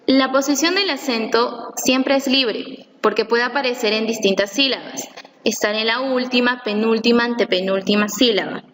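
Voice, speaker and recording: A woman reading a scripted lesson aloud, slowly and carefully, stressing each syllable she explains. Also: on the high side, fairly bright tone. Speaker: teacher. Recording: long reverb, faint room noise.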